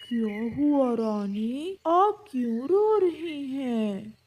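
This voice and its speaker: A helpful male firefly neighbor, voiced by a woman in a children's cartoon. The voice is slightly high but mellow, and he speaks very slowly and calmly. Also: exaggerated voice. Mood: concerned.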